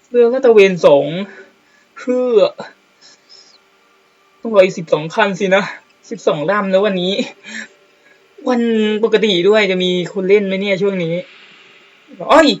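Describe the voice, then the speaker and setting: A man giving casual let's-play commentary on a naval battle game, excitable, swearing casually and exclaiming often. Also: sits high, a little slow, pauses often, highs cut off.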